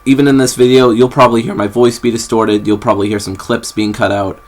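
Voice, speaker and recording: A man's voice: little pitch movement, fast. A young man rambling casually in a vlog from his bed, with lots of fillers and restarts, recorded on a camera's built-in mic. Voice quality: very low, bassy, gravelly voice. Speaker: vlogger. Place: bedroom, sitting on a bed.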